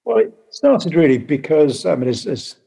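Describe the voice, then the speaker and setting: A man hosting a podcast over a video call, talking casually and haltingly with many pauses. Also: fairly high pitch, very animated, creaky, dark tone, breathy edge. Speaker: podcast host.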